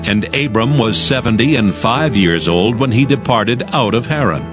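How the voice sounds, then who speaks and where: A man reads scripture in a scripted, dramatized audio production, telling it in a solemn, measured way. His voice is medium-pitched, and music plays behind him.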